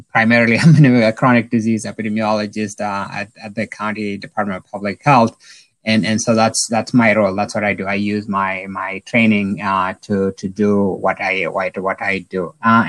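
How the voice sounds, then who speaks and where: Low-voiced guy from south sudan, epidemiologist being interviewed, lots of um and restarts, dry sound. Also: no room sound, poor audio. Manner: halting, many restarts and fillers. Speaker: epidemiologist guest. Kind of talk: interview answers.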